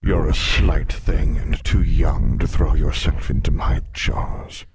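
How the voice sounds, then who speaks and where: A vast, ancient male sphinx speaks in a deep, booming voice, as a narrator puts him on. His scornful, mocking words sit in a mellow, dark tone, like a monster in an audiobook who fears nobody. The speech comes loud and unhurried. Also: vocal fry, husky, dry recording, clean studio sound, exaggerated voice. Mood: menacing. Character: huge menacing male sphinx, lion-bodied, mocking, ancient. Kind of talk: audiobook character voice.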